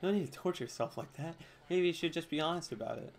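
A man reading the lines of a kind, caring adult man in his own gentle, earnest voice. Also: on the high side, fast, gravelly, voice pushed up. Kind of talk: reading game dialogue aloud.

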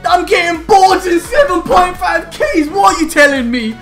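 Very high and animated, this young man's voice moves at a normal pace as he delivers excited pack-opening commentary. A gaming YouTuber, he shouts, laughs and trades slangy banter from a small room at home, with faint music behind him.

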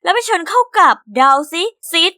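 A woman narrating an animated story in the first person, chatty and talking straight to the listener. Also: normal speed, no room sound, clean studio sound. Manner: chatty, speaking directly to the listener.

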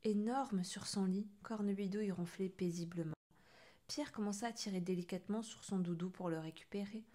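A woman tells a children's story with lively expression. She reads as a storyteller and shapes each line for young listeners. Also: medium pitch, moderate pace. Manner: expressive, animated reading.

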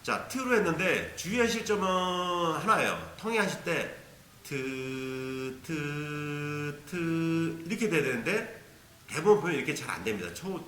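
A man's voice: sits high, pushed and bright, reverberant, slight background noise. A man teaching a beginner ocarina lesson, patiently explaining and demonstrating tonguing syllables aloud. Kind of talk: instructional video lesson.

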